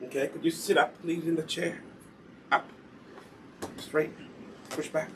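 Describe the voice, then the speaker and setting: A man from Uganda, speaking with a Ugandan accent, demonstrates and sells natural hair products in a casual live session, explaining things instructively and repeating the essentials. His fairly high, fairly bright voice is flat in delivery at a measured pace, and slight background noise is audible.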